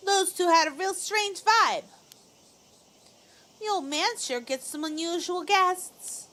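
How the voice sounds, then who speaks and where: A woman's voice: extremely high pitch, slow, a bit bright, voice pushed up, exaggerated voice. A woman voicing a chipper, friendly young local girl as she reads game dialogue aloud, bubbly and eager to help. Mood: cheerful.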